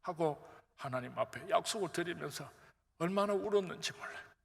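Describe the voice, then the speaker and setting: A male pastor preaches in a lively storytelling manner. His voice is set fairly high, with a gravelly fry. It rings with a long reverb through the church sanctuary. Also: normal speed. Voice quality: lively storytelling, acting out quotes. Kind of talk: sermon. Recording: echoey church hall.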